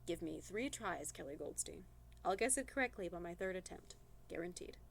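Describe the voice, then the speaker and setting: A nerdy teenage boy in a storybook reading, shy yet sure of himself, as a woman puts him on. The voice sits a little low with a gravelly edge, and he talks in a calm, measured way. A faint noise sits behind it. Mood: confident.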